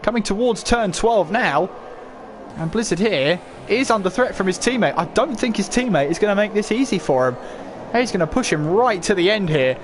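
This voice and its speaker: A man's voice: sits high, expressive, moderate pace, background noise. A man commentating live on a motor race as a motorsport commentator, calling it play-by-play and posing questions as he goes. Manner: running play-by-play with rhetorical questions.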